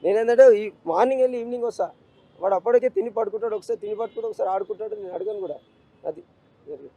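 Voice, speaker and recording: A middle-aged father, overcome with grief, pleads and repeats himself during an emotional street interview. His voice is high and dark in tone, and he talks very fast.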